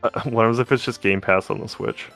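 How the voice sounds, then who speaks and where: A man's voice: fairly low pitch, fairly even intonation, fairly quick, gravelly, a bit bright. Guy rambling and joking around on a podcast, says like a lot, faint music under it. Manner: rambling, joking, many fillers like "like". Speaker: podcast co-host. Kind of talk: casual chat.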